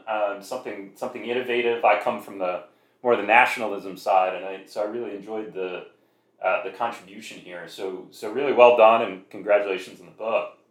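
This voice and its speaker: A man's voice: medium pitch, roomy sound. A middle-aged man hosting an academic podcast, reading a set introduction and then asking questions with some hesitation. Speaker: podcast host, political science academic. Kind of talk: podcast interview.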